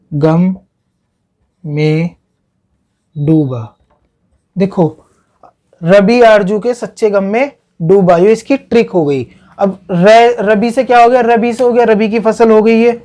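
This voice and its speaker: A man's voice: high voice, warm tone. A man teaching an exam-prep lesson, drilling his students with repeated questions and memory tricks. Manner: repetitive question-and-answer drilling.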